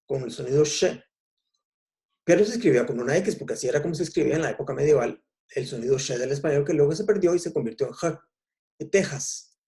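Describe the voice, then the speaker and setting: A man with a Costa Rican accent giving an explanatory public talk on language history, unhurried and pausing often with "eh". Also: mid-range voice, creaky, warm tone. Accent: Costa Rican Spanish. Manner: unhurried, explanatory, frequent "eh" pauses. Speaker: lecturer.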